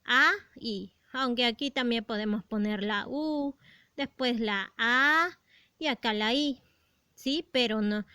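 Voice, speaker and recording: Slow, clear woman teaching a lesson. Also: sits high, pushed and bright, dry recording, clean studio sound. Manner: slow, deliberate explaining with rhetorical questions. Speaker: primary school teacher. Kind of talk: recorded grammar lesson.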